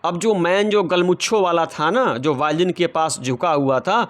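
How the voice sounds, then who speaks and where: A man's voice: a little high, normal speed, a bit bright. A male English teacher explaining a story line by line in Hindi, often speaking directly to the children. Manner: translates line by line, addresses children.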